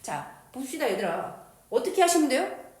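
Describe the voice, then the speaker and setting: A woman with a high, darkish voice and big pitch swings teaches chemistry at a moderate pace in an echoey room. Her lively lecture is playful and slangy, with crude jokes, and she asks the class questions only to answer them herself.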